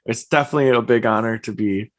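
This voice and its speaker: A young man talks as a podcast guest, easygoing and full of verbal fillers. His voice is mid-pitched and even, and he tells his stories at a loose, unhurried pace. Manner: relaxed, chatty, uses lots of fillers like "like". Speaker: podcast guest, streamer and personal trainer. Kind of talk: casual interview chat. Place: home, evening.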